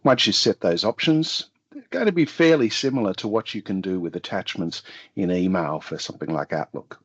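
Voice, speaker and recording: A hoarse man with a cold, the head of customer services, explaining software in a relaxed way. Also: low voice, brisk. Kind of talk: casual explanation. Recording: dull lo-fi audio.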